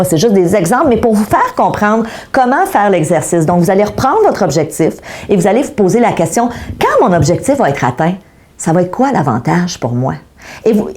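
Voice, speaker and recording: Her voice fairly low and a little mellow, a middle-aged woman with a Québécois French accent coaches viewers online. As a motivational speaker, she speaks to them directly and keeps asking rhetorical questions.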